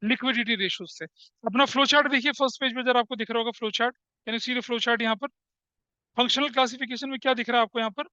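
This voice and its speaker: A man's voice: very high voice, fairly even intonation, fast talker, pushed and bright, dry recording, lo-fi sound. A male commerce teacher lecturing a class, asking questions and answering them himself, with English terms mixed into his Hindi.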